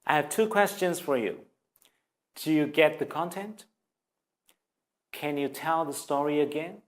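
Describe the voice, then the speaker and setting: This language teacher, a man whose first language is Vietnamese, talks a little slowly in a voice on the high side. His scripted English lesson is earnest and supportive, delivered directly to the camera with a Vietnamese accent.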